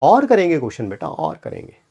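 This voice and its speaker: Lively encouraging male chemistry teacher. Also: on the high side, a little fast, vocal fry, slightly rough, muffled recording. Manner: encouraging, answers his own questions in students' voice; counts aloud while pointing at the board. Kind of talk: online class lecture.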